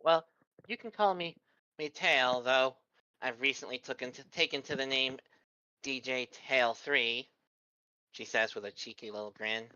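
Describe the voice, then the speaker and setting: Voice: mid-range voice, measured pace, sharp tone, smooth, dry recording, highs cut off. A player narrating and speaking in character in a tabletop game, formal and cheeky. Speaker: tabletop role-play player. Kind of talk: in-character role-play with narration.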